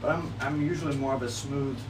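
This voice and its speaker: A relaxed young man in his twenties chats through golf tips on a backyard livestream. He sounds set back from the phone mic, with a clear hum of an air conditioner and outdoor noise behind him. His tone is friendly and easygoing, and he calls viewers bro. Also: medium pitch, a little fast, distant mic. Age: 20s.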